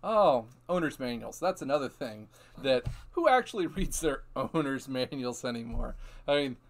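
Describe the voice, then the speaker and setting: A man from Ohio hosting a casual live stream, telling lively dealership stories with frequent laughs. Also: mid-range voice, normal speed. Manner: animated storytelling, laughs often. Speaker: host.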